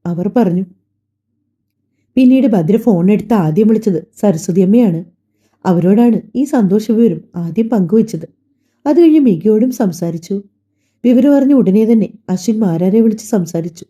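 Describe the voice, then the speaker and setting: A woman narrating a family drama audiobook in a calm, steady storytelling manner. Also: mid-range voice, normal speed. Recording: dull lo-fi recording.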